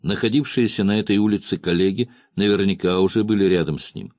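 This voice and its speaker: Male audiobook narrator, very low voice, measured crime-novel reading, dry studio sound. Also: darkish tone, no room sound. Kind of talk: scripted first-person narration of a crime novel.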